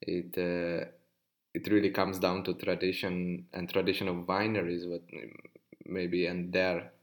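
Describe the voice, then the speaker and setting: A man's voice: sits low, completely flat delivery, measured pace. A man from Hungary who works as a sommelier, talking casually and rambling with many restarts. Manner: rambling, restarts often, asks for agreement. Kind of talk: casual conversation.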